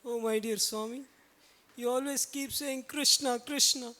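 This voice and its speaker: A woman's voice: a little high, fairly even intonation, measured pace, close to an everyday voice. A woman playing a poor, desperate mother who pleads anguished with her husband, in an amateur devotional stage drama. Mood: pleading. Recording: background violin music.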